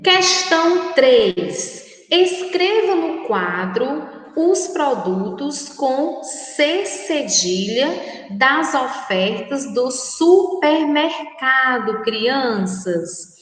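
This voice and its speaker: A woman teacher with a Brazilian Portuguese accent, giving a recorded lesson to children and speaking slowly and carefully, repeating words for them to say aloud. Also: high voice. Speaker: primary school teacher. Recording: very echoey room with long reverb.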